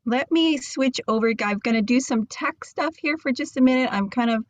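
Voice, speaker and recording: A woman giving a casual talk over a video call from inside a camper van, nervous and halting with many fillers. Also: high voice. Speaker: guest speaker. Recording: dull dry video call audio.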